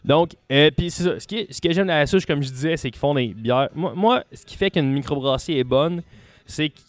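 A man's voice: on the high side, fairly quick, no echo. Dry-sounding Quebec man chatting over music. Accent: Quebec French. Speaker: podcast contributor presenting picks. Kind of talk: casual podcast chat.

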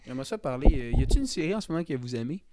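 A man's voice: medium pitch, lively intonation, rapid-fire, background noise. A young man with a Québécois accent, co-hosting a casual podcast, self-mocking and steering the talk. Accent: Québécois French. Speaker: podcast co-host. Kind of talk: casual chat among friends.

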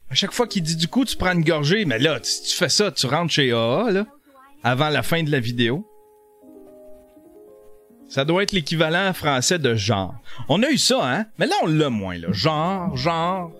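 A middle-aged man with a Quebec French accent giving casual live commentary on a video as a streamer, jokey and animated, stumbling over his words. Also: a little high, moderate pace, soft background music.

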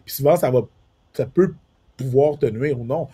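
A man with a Quebec French accent that carries a touch of Haitian Creole, talking in a loose, animated way. His voice is somewhat husky and breathy at mid pitch. He keeps repeating words and restarting his sentences. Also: moderate pace. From Quebec, Montreal area. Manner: switches into English accents when telling stories. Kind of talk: casual conversation.

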